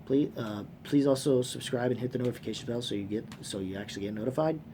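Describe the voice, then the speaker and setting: A man hosts a movie trivia fan channel, giving casual unscripted vlog commentary in a halting, rambling way that repeats phrases and includes offhand swearing. His voice is medium-pitched and mellow, and the room sound is clearly noisy.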